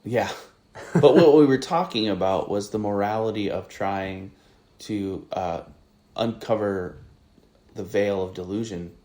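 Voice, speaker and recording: With a lowish, dark-toned voice at a measured pace, a General American-accented podcast host from northern Ohio leads a casual conversation. His speech is hesitant, packed with fillers and restarts.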